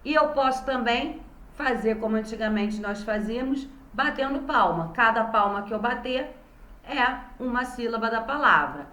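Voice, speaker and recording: A woman's voice: fairly high pitch, moderate pace, sharp tone. A woman teacher with a Brazilian Portuguese accent, giving a recorded lesson to young children and patiently sounding out words syllable by syllable. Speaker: primary school teacher. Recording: roomy echo.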